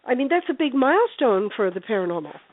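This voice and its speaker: Higher-pitched emphatic woman on a phone line. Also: very animated, fast, dry recording. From New Jersey. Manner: emphatic, repeats phrases. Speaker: guest paranormal investigator. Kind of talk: casual storytelling chat. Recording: dry, tinny phone line.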